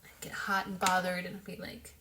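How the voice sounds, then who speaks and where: A woman's voice: lowish voice, completely flat delivery, moderate pace, noisy background. A young woman chatting casually while showing a makeup routine at home, talking as she works and poking fun at herself. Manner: chatty, self-deprecating, talks while working. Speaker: makeup vlogger. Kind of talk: casual tutorial chat.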